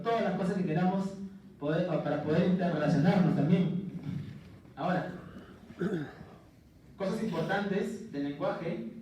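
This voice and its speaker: A man teaching a class in a mellow, slightly high voice, animated, checking in with his students and cracking jokes. The sound is muffled and distant, caught from far away. A strong echo fills the classroom, with faint noise underneath. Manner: jokey asides. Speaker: lecturer. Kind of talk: classroom lecture.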